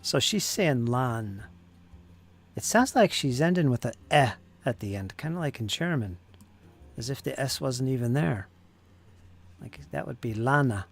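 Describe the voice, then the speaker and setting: This channel host paints miniatures on a stream and chats casually, joking around and musing aloud about how words are pronounced. His mid-range voice is animated but a little slow, with long pauses between thoughts.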